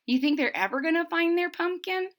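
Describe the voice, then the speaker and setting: In a very high, brisk voice, a woman reads a children's story aloud with animated, dramatic expression. Like a storybook reader, she throws in asides and questions to her listeners.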